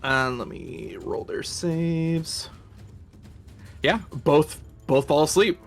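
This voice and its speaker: A man running a tabletop game as game master, narrating and ruling in a relaxed, chatty way with many fillers. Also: fairly high pitch, takes it slowly, faint music behind.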